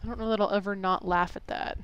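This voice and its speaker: A woman's voice: medium pitch, fairly even intonation, fast, clear, resonant tone, lo-fi sound. A woman giving casual, flippant commentary as she plays a video game and reads choices aloud. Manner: flippant, informal. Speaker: video game let's-player.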